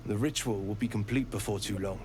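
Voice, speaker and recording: A man's voice: on the low side, fairly quick, a little mellow, slight background noise, close to an everyday voice. An actor playing a stern middle-aged male druid leader in a fantasy game, speaking in a formal, grave way.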